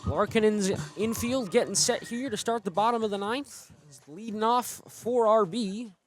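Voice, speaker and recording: High-voiced young-sounding male sportscaster. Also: over music. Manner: steady, brisk play-by-play calls. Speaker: play-by-play announcer. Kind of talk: sports commentary.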